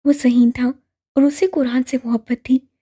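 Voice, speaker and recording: A woman narrating a novel audiobook in a slow, measured, somber way. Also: high voice, flat delivery, mellow. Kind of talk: novel reading.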